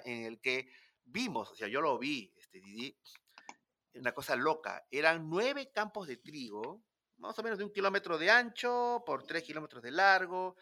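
A man's voice: on the high side, pushed and bright. A man from Peru with a Peruvian accent, telling a story in a casual, dramatic way and acting out the dialogue. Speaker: guest storyteller.

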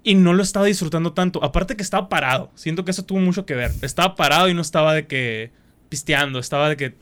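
A young Mexican man hosts a podcast in a casual chat, talking fast in a high-leaning, fairly bright voice with a Mexican Spanish accent. He tells rambling, slang-filled stories and acts out what people said.

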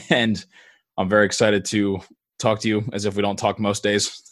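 A man's voice: fairly low pitch, level tone, moderate pace. A young man hosting a podcast, chatting casually with a friend and laughing easily. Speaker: podcast host.

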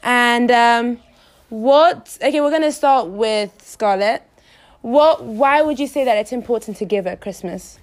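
A teenage girl hosting a casual podcast chat with friends, energetic and teasing. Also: a little high, measured pace. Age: teens. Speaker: podcast host.

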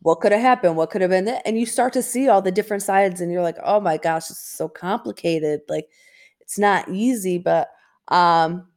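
A woman's voice: medium pitch, fairly quick, darkish tone. A woman co-hosting a casual podcast in an informal, self-deprecating way, with trouble saying her R sounds. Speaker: podcast co-host.

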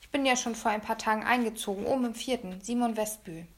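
A woman's voice: fairly high pitch, fast, close to an everyday voice. A woman voicing a polite, friendly adult man who is the new neighbour, in an audiobook.

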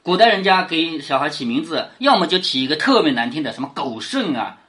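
A teacher explaining a classic novel in a casual lecture, retelling scenes in everyday words and often asking the listener to agree, with the voice dropping low and soft on those questions. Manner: animated storyteller, quick to rephrase in everyday words.

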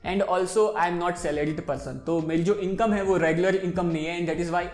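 A man's voice: sits high, steady tone, unhurried, reverberant. A man in his twenties explaining personal finance in a casual, chatty way, switching freely between Hindi and English. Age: 20s. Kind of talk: casual explainer talk to camera.

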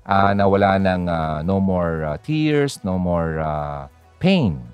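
Chatty low-voiced man talking on radio. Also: lively intonation, slow, darkish tone, clear, resonant tone, soft background music. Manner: chatty, code-switching, many fillers and "ha?" tags. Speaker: radio host. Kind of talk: casual radio talk on grief and faith.

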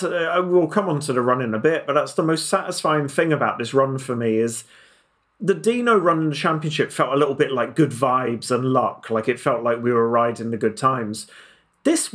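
A man with a croaky voice, chatting casually as a guest on a football podcast. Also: mid-range voice, fairly bright tone.

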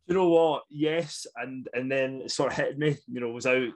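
A young adult Scottish man co-hosts a casual football podcast, rambling along with fillers and laughter. His voice is medium-pitched and his pace is normal.

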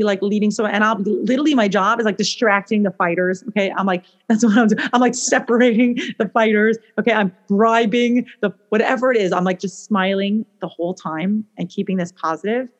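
Chatty mom-type woman rambling about her routine, lots of restarts, kinda muffled lo-fi sound. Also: mid-range voice. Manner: animated, rambling, with many restarts and fillers. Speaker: guest author. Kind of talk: casual podcast conversation. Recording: slightly dull lo-fi sound.

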